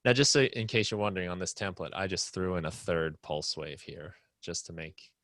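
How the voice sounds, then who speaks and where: A man's voice: low-pitched, lively intonation, normal speed, a bit bright, no echo. A man hosting a live online music production class, explaining casually with many fillers and restarts.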